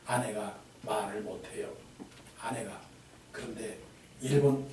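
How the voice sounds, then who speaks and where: A male pastor preaching a sermon with lively delivery, breaking into shouted cries and then dropping to hushed asides. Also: medium pitch. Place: church sanctuary. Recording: echoey hall from far off, faint noise.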